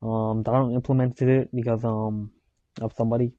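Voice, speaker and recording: A man's voice: medium pitch, level tone, normal speed, dark tone, no echo, muffled recording. A young man talking about his racing league, hesitant and full of ums and restarts. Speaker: league member. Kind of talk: casual chat.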